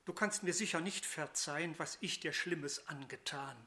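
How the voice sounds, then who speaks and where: A remorseful young son in rags, voiced by a storybook reader confesses in rhymed verse. The delivery is unhurried and bright-toned. He sounds humble and worn down. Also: medium pitch. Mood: humble, quiet.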